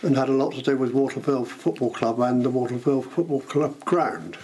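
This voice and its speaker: An older man in an interview, filling in details in a clear, explanatory way. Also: mid-range voice, quick pace, a little mellow, a little hiss or hum. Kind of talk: explaining in casual chat.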